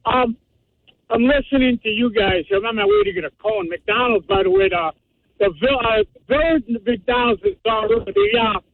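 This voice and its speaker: A man's voice: very high voice, animated, normal speed, creaky, dry recording. A man calling in to a radio show, rambling cheerfully while his phone connection keeps breaking up. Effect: phone line breaking up, cutting out. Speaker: radio call-in caller. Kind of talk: casual phone call. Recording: tinny, cutting-out phone line.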